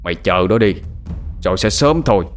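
A man's voice: deep voice, lively intonation, fairly quick, soft background music. A man voicing an arrogant, cruel rich village elder who gloats and barks orders with scorn. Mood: gloating.

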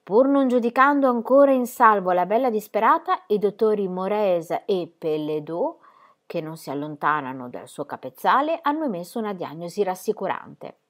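A woman reading aloud and voicing a proud, sharp-tongued older grandmother who scolds with emphasis. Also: medium pitch, animated, normal speed, close to an everyday voice. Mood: scolding.

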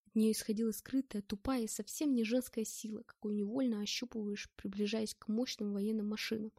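A woman's voice: medium pitch, steady tone, a little fast, mellow, no room sound, studio quality. Woman reading a novel aloud. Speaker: audiobook reader. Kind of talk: scripted first-person narration.

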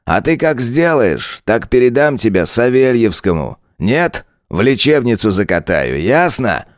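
A man's voice: mid-range voice, big pitch swings, measured pace, dry recording, clean studio sound, voice pushed up. A man voicing a cruel, mocking male police lieutenant who taunts and threatens. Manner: sneering, taunting.

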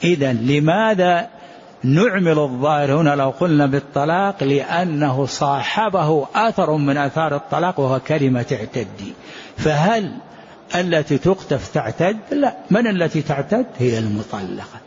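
This Islamic jurisprudence teacher has a husky voice on the high side with lively intonation, speaking at normal speed. He explains a religious law text, speaks directly to listeners, and answers his own rhetorical questions, all captured in a dull lo-fi recording.

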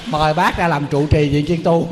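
A man's voice: a little high, steady tone, moderate pace, a little mellow, long reverb tail, a little hiss or hum. A man, a Buddhist monk giving a humorous, storytelling sermon.

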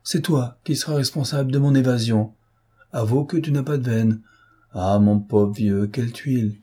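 A man reading an audiobook and voicing a mocking, self-assured gentleman thief with a raised, teasing, theatrical voice. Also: mid-range voice, normal speed, slightly rough, pitched above the performer's own voice, close to an everyday voice.

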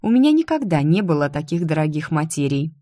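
A woman narrating a first-person audiobook in a steady, expressive reading. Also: sits low, a little fast, no echo, clean studio sound.

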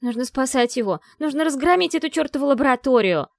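A woman reading a fierce young woman athlete, voicing her with shrill, frantic outbursts in a storybook reading. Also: big pitch swings, fast, creaky, darkish tone, dry recording, clean studio sound. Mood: panicked.

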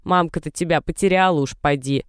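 A man's voice: on the high side, a little fast, a bit bright, clear, resonant tone, no echo, clean studio sound, lightly acted. A man reading the lines of a kindly, folksy old grandmother shooing a girl home.

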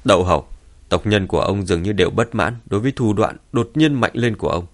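Storybook villain: cold, goading clan leader, read by a man, low and pushy. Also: quick pace, lightly acted. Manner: taunting, urging.

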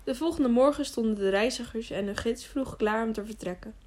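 A woman narrating a children's novel as an audiobook, reading in a calm, steady way. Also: a little high, fairly quick. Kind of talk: scripted narration.

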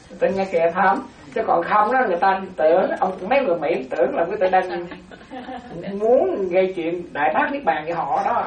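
Animated nun giving a dharma talk. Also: female voice, medium pitch. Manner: keeps asking the audience if they follow; animated, repeats terms slowly. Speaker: Buddhist nun teaching. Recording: roomy echo, voice from far off.

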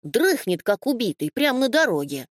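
Storybook part: a woman playing a blunt, touchy imp, lively and dry. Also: fairly high pitch, normal speed, dry recording, pitched above the performer's own voice. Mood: indignant. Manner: blunt and indignant. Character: scruffy, cheeky little male imp.

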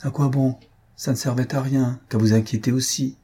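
A man's voice: mid-range voice, steady tone, moderate pace, dark tone, husky, voice pushed up, natural voice. A man voicing a young wife, anxious and tender, in a read-aloud novel. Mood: weary.

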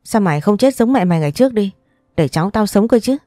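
Shrieking grief-mad aunt voiced by a woman narrator, loud and raw, dry close read. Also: on the low side, a little fast, no room sound, lightly acted. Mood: wailing rage. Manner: wailing and screaming accusations. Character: grieving, furious middle-aged aunt.

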